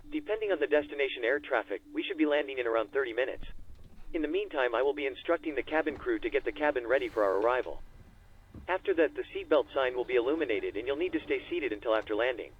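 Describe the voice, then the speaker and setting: A courteous airline captain reading scripted announcements from the cockpit at a quick clip. His voice is slightly husky and comes through a thin, phone-like cabin speaker. The delivery stays formal and even. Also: mid-range voice. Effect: cockpit announcement over a tinny cabin speaker. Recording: tinny phone-like in-game audio.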